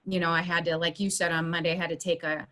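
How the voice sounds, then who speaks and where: A woman's voice: lowish voice, level tone, quick pace, pushed and bright. A woman working as a school social worker, talking in a rambling way with many restarts during a video meeting. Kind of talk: casual video meeting chat. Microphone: video call.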